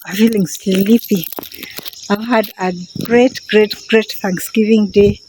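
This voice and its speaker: Speaking slowly with fairly even intonation, this middle-aged Kenyan woman has a medium-pitched, slightly mellow voice and a Kenyan accent, recorded poorly with some hiss or hum. She vlogs casually to her phone camera while walking outdoors in a quiet semi-rural area, repeating words for emphasis, with birds and crickets in the background.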